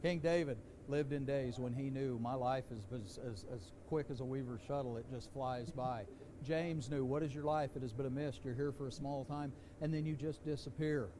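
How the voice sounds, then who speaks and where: A man's voice: mid-range voice, steady tone, moderate pace, noisy background. A man preaching a sermon in a church, folksy and conversational, building to emphatic questions. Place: church sanctuary.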